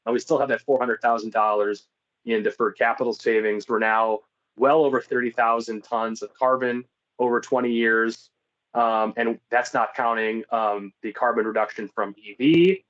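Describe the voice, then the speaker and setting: A man's voice: mid-range voice, fairly even intonation, normal speed, fairly bright tone, muffled recording. A man giving an informal business presentation in an explanatory, conversational way.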